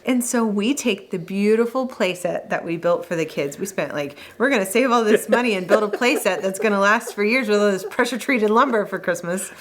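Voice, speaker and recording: A woman in her thirties with an average pitch, telling a family farm story. She talks in a chatty way, laughing and throwing in quick asides. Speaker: farm show co-host. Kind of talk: casual storytelling chat.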